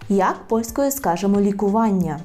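A woman teaching a language in a video lesson, repeating words slowly and carefully. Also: medium pitch, animated, dark tone, faint music behind. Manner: slow, careful repetition of words.

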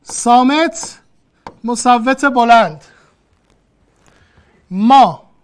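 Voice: mid-range voice, lively intonation. A teacher giving a lesson, explaining patiently step by step and speaking straight to the student. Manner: explanatory, repeats and addresses the student directly. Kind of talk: classroom lesson.

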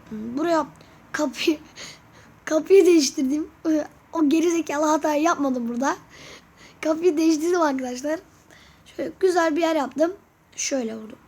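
A woman's voice: sits high, darkish tone, slight background noise. A woman YouTuber chatting casually through a gameplay tour, constantly addressing her viewers and asking them to comment. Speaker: gaming YouTuber.

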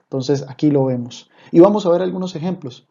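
Male online language teacher, patient and repetitive, deep warm timbre, slightly dull lo-fi recording. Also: brisk, vocal fry. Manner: patient, repeats points, often checks in with listeners. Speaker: Hebrew teacher.

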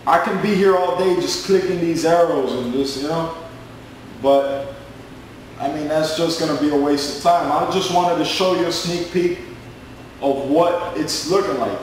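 A man in his twenties giving a screen-recorded sales pitch, pushy and boastful, repeating himself a lot. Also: reverberant, slight background noise, low-quality recording. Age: 20s. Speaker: network marketing recruiter.

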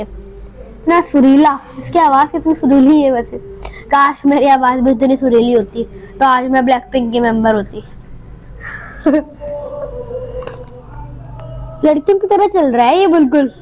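A woman hosting a gaming channel, giving playful, jokey live commentary over a game with panicky, excitable outbursts. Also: sits high, muffled recording, slight background noise.

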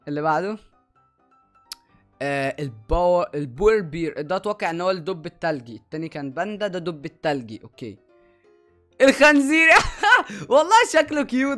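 This YouTube reaction host is a young man speaking with an Egyptian Arabic accent in a high, fairly bright voice. His commentary is excited, full of exclamations and eager calls to the people watching.

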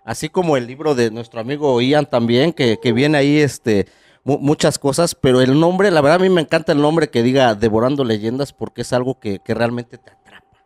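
A man's voice: mid-range voice, brisk, a little mellow. Eager rambling Mexican man hosting. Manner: eager, rambling, full of restarts. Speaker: podcast host. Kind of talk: casual podcast conversation.

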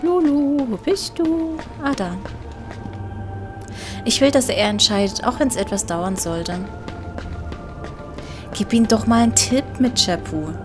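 Female game commentator, chatty and casual, medium pitch, reasoning aloud over clear music. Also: measured pace, long pauses. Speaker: let's player.

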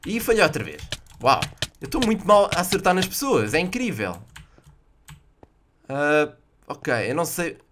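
A young man from Portugal with a European Portuguese accent, commentating his own gameplay in an excitable way and exclaiming at his misses. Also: fairly high pitch, normal speed, long pauses, noisy background. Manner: excitable, exclaims loudly at misses, jokey sound effects. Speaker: gaming youtuber.

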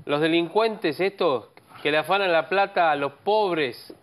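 A man's voice: fairly high pitch, measured pace, a bit bright. An Argentine man with an Argentine Spanish accent, a TV panelist who keeps interjecting and arguing in a political panel discussion. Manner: interjecting, argumentative.

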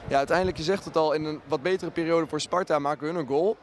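High-voiced male club interviewer. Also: fairly even intonation, fast talker. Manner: casual, restarts questions. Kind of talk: post-match interview questions. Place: outdoors at a football stadium. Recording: faint outdoor noise.

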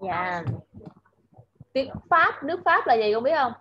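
A woman tutor in an online English lesson, patiently saying words slowly so her student can repeat them. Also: sits high, very animated, dull audio, slight background noise.

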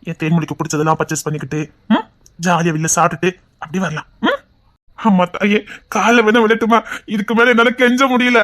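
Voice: mid-range voice, flat delivery, fast talker, a bit bright, no echo, clean studio sound, natural voice. A performer playing a doting young husband who pleads with and sweet-talks his sulking wife, with a Tirunelveli Tamil accent. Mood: teasing. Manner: pleading, sweet-talking, teasing with pet names. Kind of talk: audio drama acting.

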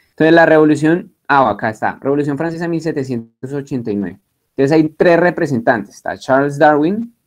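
A man's voice: medium pitch, a little mellow. A man teaching a Bible class in a lecture style, spelling out terms, checking that students follow and joking along the way. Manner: chatty and joking, with many restarts.

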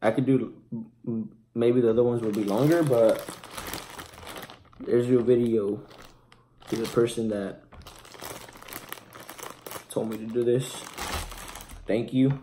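A man's voice: medium pitch, steady tone, slow pace, pauses often, dark tone, a little hiss or hum. A man in his twenties chatting casually to camera as a vlogger, hesitant and laid-back. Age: 20s. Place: small room at home, indoors.

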